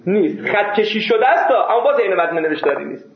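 In an echoey room heard over what sounds like a phone line, a man with a high, animated voice delivers an emphatic seminary lecture on Islamic jurisprudence, answering his own rhetorical questions.

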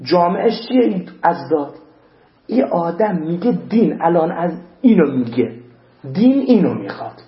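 Guy preaching a sermon, high voice, reciting verses, echoey dull recording. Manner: animated preaching, interleaving recited Arabic verses. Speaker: cleric.

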